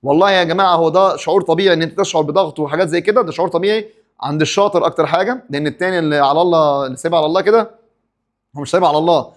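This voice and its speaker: Fast-talking Egyptian male teacher. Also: fairly high pitch. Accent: Egyptian Arabic. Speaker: English teacher. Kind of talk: exam review lesson.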